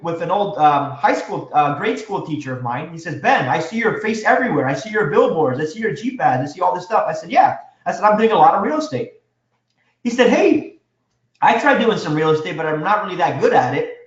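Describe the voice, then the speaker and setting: Man teaching a seminar, high voice, energetic, quizzes the room, echoey dull recording. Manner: energetic, quizzes the audience with questions. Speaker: real estate instructor. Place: seminar room with a live audience.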